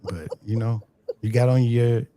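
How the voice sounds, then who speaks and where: A man's voice: mid-range voice, fairly even intonation, unhurried, mellow, no room sound. A man in his forties co-hosting a podcast, teasing with wry humor and leading the topics. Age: 40s. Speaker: podcast co-host. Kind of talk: casual chat.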